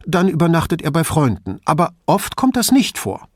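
A man's voice: a little high, wildly swooping pitch, dry recording, clean studio sound, pitched above the performer's own voice. A man voicing a worried, defensive woman professor who talks about her son in a storybook reading. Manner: tense and quick to bristle.

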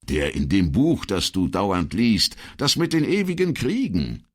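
A man's voice: lowish voice, very animated, unhurried, voice pushed up, exaggerated voice. A man voicing a middle-aged pathologist who speaks tersely and guardedly on the phone. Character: dry, curt male pathologist, middle-aged.

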